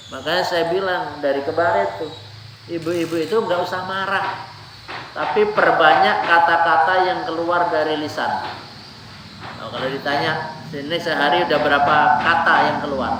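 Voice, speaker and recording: A man preaching with a fairly high voice, lively and joking, mixing Arabic quotations into his sermon. His words ring through an echoey hall. Steady background noise sits under his voice. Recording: echoey room, ambient noise.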